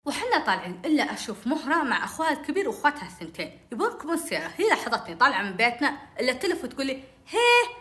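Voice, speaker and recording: A woman tells a personal story at a breakneck pace. Her voice is high and bright, with a pitch that swoops widely. She acts out each line of dialogue as she narrates. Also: sing-song, rapid-fire, hardly any pauses.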